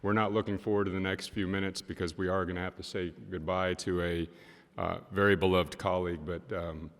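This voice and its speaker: A man with a very low voice chairs a city council meeting, taking his time and filling pauses with "uh". The sound carries the long reverb of a large council chamber. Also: flat delivery. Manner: measured, hesitant with fillers.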